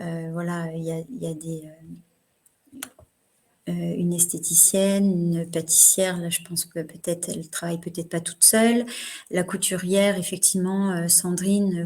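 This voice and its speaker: A woman's voice: on the low side, darkish tone. Hesitant woman presenting with many fillers. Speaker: trainer presenting a webinar. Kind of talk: live online workshop presentation.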